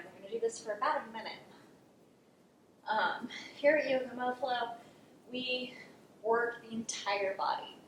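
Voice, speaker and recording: A woman teaching a yoga class in a soothing, encouraging way, guiding movements and counting repetitions. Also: a little high. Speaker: yoga instructor leading a class. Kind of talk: guided exercise instruction with counting. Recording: very echoey room, distant mic, faint noise.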